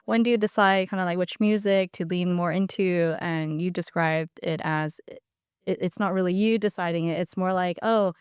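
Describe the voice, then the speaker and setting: A woman's voice: fairly low pitch, fairly even intonation, normal speed, darkish tone, clean tone, no room sound, studio quality. A woman co-hosting a casual podcast chat, musing thoughtfully and reflectively. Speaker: podcast co-host. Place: podcast studio.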